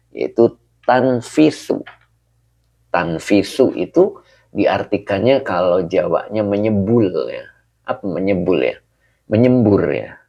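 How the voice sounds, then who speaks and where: Male teacher for an online religious class over a video call. Very low, gravelly voice with a dark tone, on dull lo-fi audio. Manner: slow, patient explaining with frequent chuckles. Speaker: Islamic teacher. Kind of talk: online Quran tafsir class.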